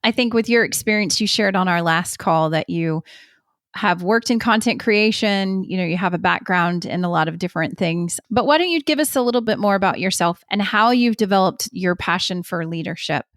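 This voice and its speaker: In studio-quality audio with no room sound, a woman hosts a podcast, her medium-pitched voice brisk and a bit bright. She reads a scripted ad and then welcomes a guest, hosting the interview in a warm, upbeat, encouraging way.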